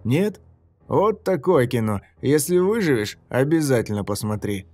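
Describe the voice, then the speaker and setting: A man's voice: medium pitch, sing-song, unhurried, warm tone, dry recording, pitched above the performer's own voice. A man voicing a sneering sadistic killer. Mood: taunting. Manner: taunting, sneering. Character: sadistic mocking male killer, cruel and playful.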